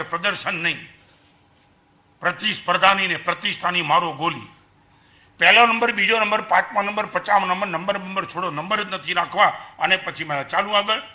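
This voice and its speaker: High, bright-voiced older man preaching. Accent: Gujarati. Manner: animated preaching, swings between soft asides and loud emphasis; rhetorical questions to the audience. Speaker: Jain monk lecturer. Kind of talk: sermon to an assembly.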